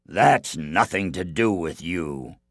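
Guy doing a gruff suspicious giant, slow bellowing, gravelly and low. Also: animated, fairly bright tone, no echo, studio quality, full character voice.

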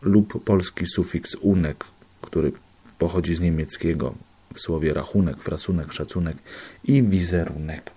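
A man's voice: low-pitched, normal speed, dark tone, husky. A man, a student explaining course material, working methodically through examples one by one in a lesson.

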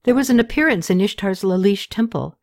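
A woman's voice: medium pitch, expressive, a little fast, a little mellow, natural voice. A woman voicing a young, troubled ancient king who explains matters earnestly.

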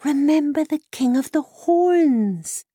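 A wise enchanted mare murmurs counsel, high and slow, sounding set back from the listener. A woman voices her. The whole reading stays dry and close. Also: expressive, warm tone, no echo. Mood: urging.

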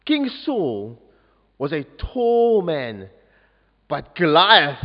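A man leads an interactive children's story at a church service and cheerfully coaxes everyone to join in. His voice is high and animated, and he speaks slowly. The recording is dull and lo-fi, with a long hall reverb. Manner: animated, coaxing audience participation. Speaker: youth leader telling a story at a service. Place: large church.

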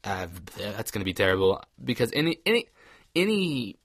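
A young man chatting casually about movies, laughing often and getting animated. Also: fast, no room sound, studio quality. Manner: laughs often, animated with sudden high exclamations. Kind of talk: casual chat.

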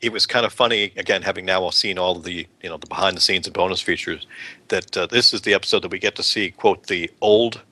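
Bright-voiced man in casual podcast chat. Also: low voice, steady tone, fast talker, dry recording. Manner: rambling, many restarts and fillers; laughs often. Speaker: podcast co-host.

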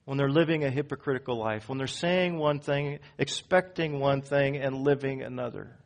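A man preaching a sermon as pastor in a church, swinging from loud emphatic peaks down to low quiet phrases. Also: normal speed. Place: church sanctuary.

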